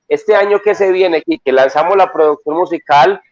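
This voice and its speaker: A man's voice: on the high side, moderate pace. A man from Colombia, a singer and songwriter, chatting casually as an interview guest and telling his stories with enthusiasm. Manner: lively, storytelling, enthusiastic. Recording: dull lo-fi remote audio.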